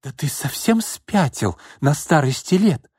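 A man's voice: deep voice, sing-song, a little slow, a little mellow, breathy edge, dry recording, clean studio sound, exaggerated voice. A man reading a story and voicing an exasperated middle-aged wife who sounds weary and indignant. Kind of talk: audiobook reading.

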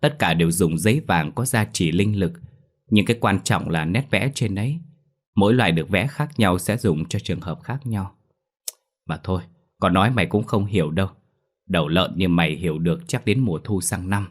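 A man's voice: sits low, normal speed. A man voicing a curt young exorcist. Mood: brusque. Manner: brusque, commanding.

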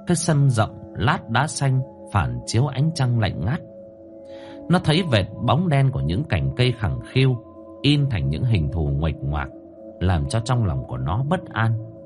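Man, horror story narrator, lowish voice, lively dramatic delivery, faint music behind. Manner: expressive, dramatic.

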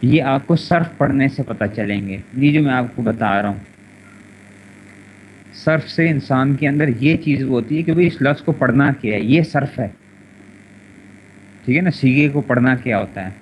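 A man's voice: medium pitch, pauses often. Man, Pakistani Urdu accent, grammar teacher, online lecture, repetitive drilling, dull lo-fi voice chat, faint hiss. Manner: repetitive, drilling word pronunciations and conjugations. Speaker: teacher of Arabic morphology. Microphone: internet voice chat room.

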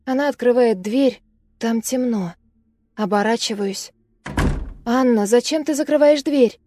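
A woman's voice: on the high side, measured pace, dark tone, slight background noise, natural voice. A woman voicing a frightened young female student who recalls a terrifying night in a fragile, breathless way. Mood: dreamy recollection.

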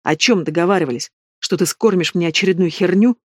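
A man voicing a cold, menacing male bandit boss in an audiobook, mocking and low-voiced. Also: a little fast, no echo, studio quality. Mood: angry. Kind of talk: audiobook reading.

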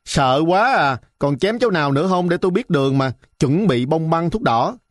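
A man's voice: fairly high pitch, a little fast, no room sound, studio quality, close to an everyday voice. A man voicing a skinny, hot-tempered young boy who talks back defiantly. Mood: mocking. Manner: defiant, mocking.

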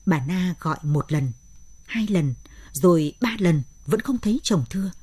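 Brief: measured woman narrator for a late-night story, low-pitched and breathy. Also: warm tone, dry recording.

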